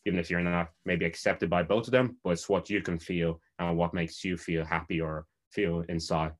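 A man from Cameroon speaks in a very deep voice that barely rises or falls. He talks reflectively and unhurriedly, with small hesitations on fillers. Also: steady tone, moderate pace. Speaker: panel guest. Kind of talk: casual conversation.

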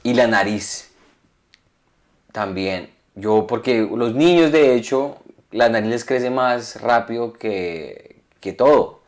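A young man, co-hosting a comedy podcast, telling animated stories and swearing freely. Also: mid-range voice, slow. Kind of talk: casual chat.

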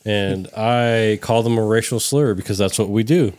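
Deep-voiced joking podcast host in his thirties. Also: normal speed, darkish tone, no echo, studio quality. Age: 30s. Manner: joking, loose, swears a lot. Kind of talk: casual podcast chat.

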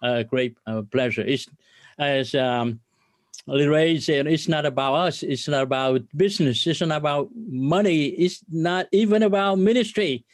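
A middle-aged Vietnamese businessman, appearing as a guest on a podcast interview, speaks earnestly with a lot of filler pauses and religious phrasing. His voice sits a little high, and the recording is dry.

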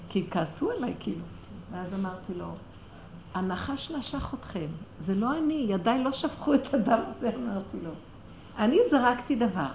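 A woman with a slightly high voice tells a religious story from her own life, and she grows fervent and loud as she presses her point. The recording sounds roomy and echoey, with a faint hum of background noise underneath. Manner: impassioned, rising to near-shouting when stirred.

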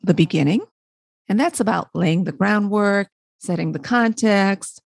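A woman from Barbados hosting a motivational podcast. She asks rhetorical questions, answers them herself and often checks in with a quick "right?". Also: mid-range voice, vocal fry, no room sound. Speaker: podcast host.

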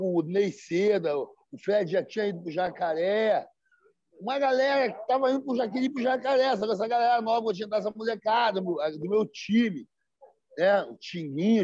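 A man's voice: sits high, a little mellow, dry recording. A man telling stories in casual slang, acting out the quoted dialogue in livelier voices. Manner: slangy, peppered with "sacou" and "né, cara". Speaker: guest. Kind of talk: casual storytelling. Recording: dry, slightly dull sound.

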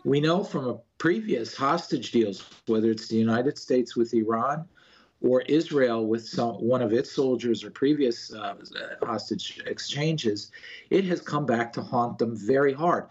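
A man giving political commentary as an interviewed guest, in a halting way, often repeating words as he explains. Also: medium pitch, husky, dull audio.

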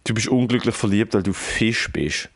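A man's voice: fairly low pitch, moderate pace. A man, co-hosting a casual podcast, ranting brashly and swearing often. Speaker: podcast co-host. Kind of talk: casual chat.

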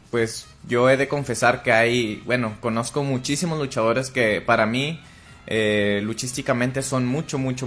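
A man with a Mexican Spanish accent, a wrestler guest, chatting casually in a slangy, relaxed and animated way. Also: mid-range voice. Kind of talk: casual chat.

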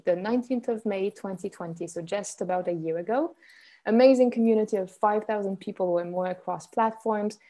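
Hosting a live coaching challenge, a young business coach from Switzerland speaks to her audience in a cheerful, chatty manner. Her voice is mellow with a steady mid-level pitch, and she reads viewers' comments out loud along the way.

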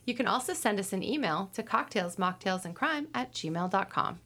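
A woman co-hosts a podcast in easygoing, joking chat. Her pitch moves a lot as she talks. She laughs easily and reads the closing lines. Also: expressive, normal speed, a bit bright. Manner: chatty and wry, laughing easily. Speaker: podcast co-host. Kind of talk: casual chat, reading the show's sign-off.

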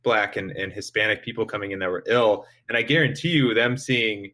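Man, podcast host, low bright voice, friendly probing questions. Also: a little fast. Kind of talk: conversational podcast interview.

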